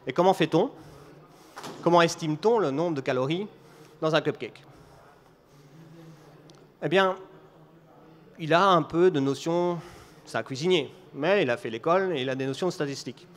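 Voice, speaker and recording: A man's voice: on the high side, moderate pace, long pauses. A man from Belgium with a Belgian French accent, giving a conference talk and explaining an idea through a running story, with frequent restarts. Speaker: conference speaker.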